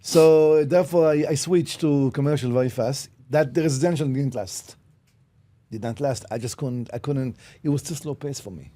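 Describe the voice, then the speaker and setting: Speaking at normal speed with a medium-pitched, dark voice, an Israeli-born man in his fifties recounts his path in real estate without sugarcoating it. He's a commercial real estate broker being interviewed casually on a podcast, and he keeps asking "okay?". A studio mic captures him.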